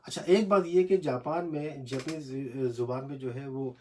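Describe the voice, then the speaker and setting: A man teaching Japanese script in a casual, halting home video lesson, recorded on a phone in a small cramped room. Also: a little high. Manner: hesitant, many fillers, repeats syllables slowly.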